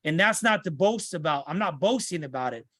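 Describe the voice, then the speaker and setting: A man's voice: fairly high pitch, animated, fairly quick, fairly bright tone, no echo, studio quality. A middle-aged man from Santa Ana, California, speaking earnestly as a podcast interview guest. He repeats himself and restarts his sentences.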